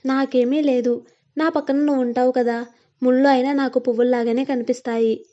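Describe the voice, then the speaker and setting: Woman reading as a young man, teasing fiancé, high voice, mellow tone, playful, storybook role, dull lo-fi sound. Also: fairly even intonation, fairly quick, natural voice. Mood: playful, doting.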